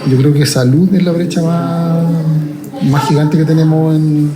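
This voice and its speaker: A man's voice: a little high, level tone, unhurried, crowd noise, poor audio. A man giving an analytical interview answer, full of fillers.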